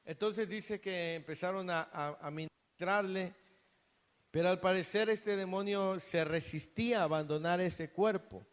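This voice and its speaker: A man's voice: high-pitched, unhurried. A man preaching a sermon in a church hall, earnest, often repeating and restarting words. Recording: long reverb of a hall.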